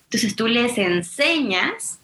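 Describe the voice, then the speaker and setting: A woman speaks as a parenting expert, voicing little scenes between parent and child as she explains. Her voice is bright and forceful. The room around her rings with echo. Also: on the high side, slow, a little hiss or hum. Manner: animated, acts out quoted dialogue. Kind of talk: casual interview talk.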